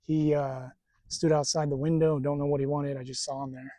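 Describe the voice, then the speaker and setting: A man talking casually to camera at a desert campsite, halting and stuttering, with a tight, strained throat. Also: on the high side, flat delivery, warm tone, dry recording. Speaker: spiritual vlogger.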